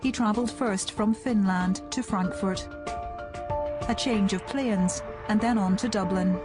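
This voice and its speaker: A woman narrating a documentary in a measured, matter-of-fact scripted voice. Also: mid-range voice. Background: music.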